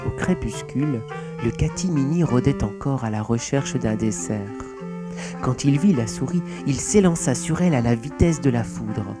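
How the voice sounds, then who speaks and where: A man narrating a children's storybook with a lively, expressive reading. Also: mid-range voice, normal speed, over loud music.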